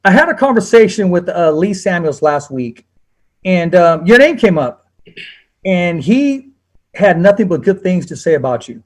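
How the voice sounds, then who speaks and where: A man's voice: high-pitched, sing-song, moderate pace. A man hosting a casual interview, speaking in an informal, conversational way. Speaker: interviewer, host.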